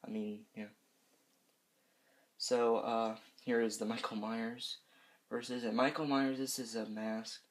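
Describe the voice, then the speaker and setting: A man's voice: mid-range voice, level tone, slow pace, pauses often, slight background noise. A fifteen-year-old boy giving a casual, unscripted review in a hesitant, rambling way, often correcting himself. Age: teenager, fifteen. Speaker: reviewer of horror movie masks.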